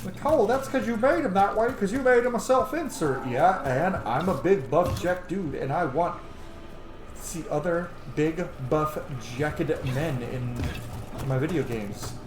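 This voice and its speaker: Here the gamer speaks a little slowly in a slightly high voice, offering rambling let's play commentary peppered with swearing and jokes about himself. Background noise is clear and the room echoes.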